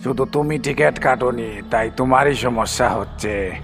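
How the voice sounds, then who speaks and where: An actor playing a sinister ghostly male bus conductor in a horror audio drama, taunting slowly and laughing. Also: mid-range voice, natural voice. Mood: mocking. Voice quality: gravelly, cackling laugh. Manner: slow, taunting, calls passenger babu. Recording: long reverb with background music.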